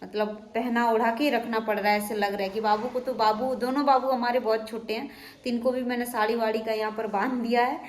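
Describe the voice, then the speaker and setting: A woman's voice: fairly high pitch, level tone, a little fast, reverberant. A young woman chatting casually to her viewers in a rambling family vlog at home. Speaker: family vlogger.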